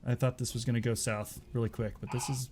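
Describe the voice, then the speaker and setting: A man's voice: medium pitch, little pitch movement, fast, a crowd in the background. Laid-back man hosting a show. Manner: laughing, loose and rambling. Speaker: host. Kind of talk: casual online show hosting.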